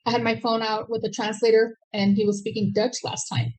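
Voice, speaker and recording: An older woman talking casually, softly, often repeating "wow" between thoughts. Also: a little high, level tone, brisk, poor audio. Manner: soft-spoken, repeats "wow". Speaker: scam victim. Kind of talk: casual conversation.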